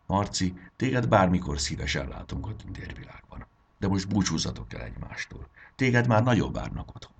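A man voicing a kind, wise fairy queen in a children's storybook, speaking gently and reassuringly. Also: low-pitched, sing-song, gravelly, a little hiss or hum, voice pushed up, heavily acted.

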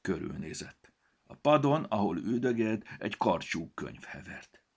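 A man reading a children's story aloud in an expressive way. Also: fairly low pitch, vocal fry, husky. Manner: expressive, animated.

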